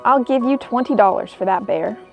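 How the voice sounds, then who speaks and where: A woman's voice: a little high, a little fast, soft background music, close to an everyday voice. A woman voicing a kind-hearted young soldier in a storybook, speaking in an earnest, plain way. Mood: resolved. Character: kind-hearted young soldier Harry, torn but decisive.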